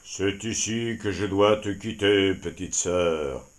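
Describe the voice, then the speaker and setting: A man voicing a huge, wise old male bison who speaks slowly and solemnly in a storybook. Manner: slow, deep, solemn speech. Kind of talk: storybook character voice.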